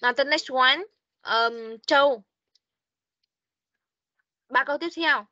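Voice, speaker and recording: A woman teaching an online English class over a video call, coaching and correcting her pupils quickly. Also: high-pitched, pushed and bright, no echo. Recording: dull online meeting audio.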